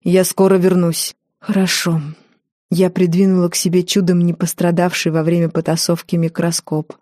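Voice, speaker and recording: A woman narrating a first-person audiobook in a wry, lively storytelling manner. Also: lowish voice, no echo, clean studio sound.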